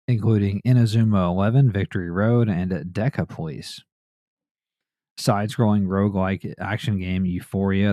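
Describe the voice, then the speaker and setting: A man's voice: fairly low pitch, dark tone, no echo, clean studio sound. A man hosting a gaming news podcast, reading headlines and chatting casually in a laid-back way. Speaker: podcast host.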